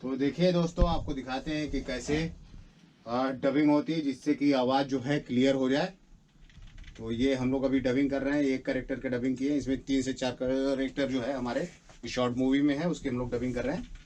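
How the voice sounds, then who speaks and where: A man's voice: medium pitch, fairly even intonation, brisk, darkish tone, a little hiss or hum. A man running a dubbing studio, explaining the process and coaching an actor with impatient corrections. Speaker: dubbing studio operator and director. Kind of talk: instructional explanation.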